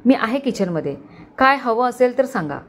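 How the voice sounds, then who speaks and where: A woman's voice: fairly high pitch, very animated, normal speed, a bit bright, voice pushed up. A woman voicing an honest male servant and cook who speaks deferentially in a read-aloud story. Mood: obliging.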